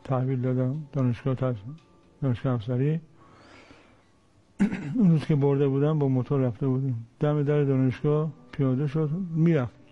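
A middle-aged man, a father, recalling his son in a plain, halting and moved way. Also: medium pitch, steady tone. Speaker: father of a fallen soldier. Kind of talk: emotional personal recollection. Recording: muffled lo-fi audio with faint music.

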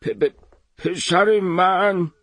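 A man voicing a gentle, patient old man in an audiobook, speaking slowly and softly. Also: fairly high pitch, slightly rough, no echo, voice pushed up, heavily acted. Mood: calm, puzzled. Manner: slow, soft, calm. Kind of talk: audiobook character voice.

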